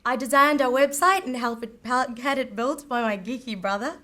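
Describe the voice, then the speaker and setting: A woman's voice: sits high, normal speed, bright, forceful tone. Upbeat young South African woman presenting. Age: young adult. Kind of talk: live pitch presentation. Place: event stage before an audience.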